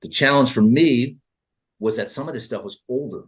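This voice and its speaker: A man's voice: medium pitch, normal speed, a crowd in the background. A man who works as a therapist and author, talking animatedly in an interview and acting out his sessions with clients. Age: 30s. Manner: animated, acts out dialogue with clients. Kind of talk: interview conversation.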